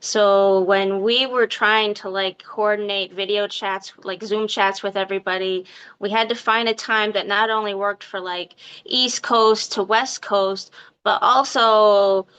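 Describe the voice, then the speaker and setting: A woman chatting casually as an interview guest, expressive and talkative, with a sweet voice like a cartoon princess. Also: mid-range voice, clean tone, rough recording. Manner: chatty, expressive, quick to laugh. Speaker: podcast guest, mermaid performer.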